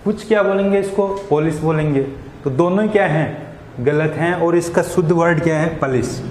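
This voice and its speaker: A man's voice: on the high side, steady tone, moderate pace, a little mellow, roomy sound, in a large hall, slight background noise. A man teaching an English lesson, asking questions and answering them himself, often checking "got it?". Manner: repeats questions and answers them himself, frequent "samajh gaye". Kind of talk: classroom lesson explaining English to Hindi speakers. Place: school classroom.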